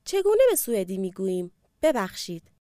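A woman narrating a language course and clearly prompting the listener to repeat after the speaker. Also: medium pitch, very animated, dark tone, dry recording, studio quality. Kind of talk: scripted lesson narration.

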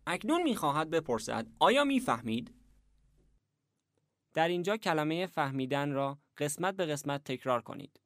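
A man narrating a language lesson, giving measured, even instructions in a scripted way. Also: a little high, no echo, clean studio sound.

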